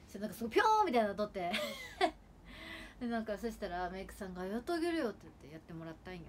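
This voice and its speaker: Lively young woman with Kagawa dialect. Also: mid-range voice, very fast, slight background noise. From Kagawa, Japan. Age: 20s. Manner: rambling, chatty, with frequent fillers. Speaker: idol livestreamer. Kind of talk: casual livestream chat.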